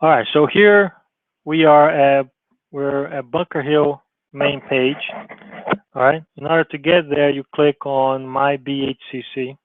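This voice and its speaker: A man with a fairly high, steady voice speaks a little slowly as a college advisor giving a loose screen-share tutorial. He makes restarts and frequent "okay?" check-ins, heard through a dry, echo-free, narrow phone-like sound.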